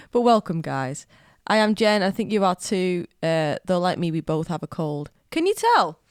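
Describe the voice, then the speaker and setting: A woman musician hosts a live stream over guitar playing, chatting casually and greeting viewers by name, her nose slightly stuffed up. Her fairly low voice is sing-song, a little slow, and smooth, picked up on a studio dynamic mic with no room sound.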